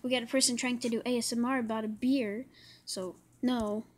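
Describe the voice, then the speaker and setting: A woman makes casual reaction asides in a slightly high voice. Faint noise sits behind her, and her talk is offhand and chatty. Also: fairly even intonation, fairly quick. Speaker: viewer reacting to the video.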